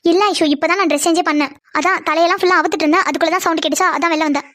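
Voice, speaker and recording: A woman voicing young female cartoon characters, lively and full of questions. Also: very high-pitched, very fast, no echo. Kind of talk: Tamil cartoon voice acting.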